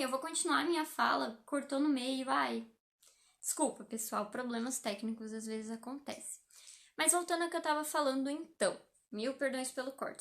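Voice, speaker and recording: A young Brazilian psychologist with a Brazilian Portuguese accent talks casually on a live stream, chatty and explaining things with lots of fillers. Her voice is fairly high and gravelly.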